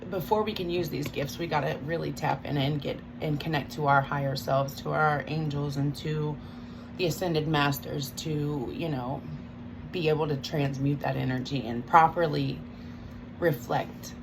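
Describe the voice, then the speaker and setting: Low, gravelly woman chewing gum as she talks. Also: fairly even intonation, normal speed. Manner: chewing gum while talking. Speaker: tarot reader. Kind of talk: casual spiritual guidance talk. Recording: loud background noise.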